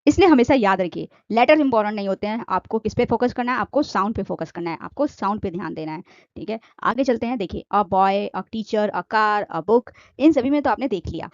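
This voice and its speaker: A woman's voice: mid-range voice, expressive, fairly quick, no room sound, highs cut off. A woman teaching grammar, asking questions and answering them herself, repeating each point. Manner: repetitive, asks and answers own questions. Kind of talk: explanatory grammar lesson.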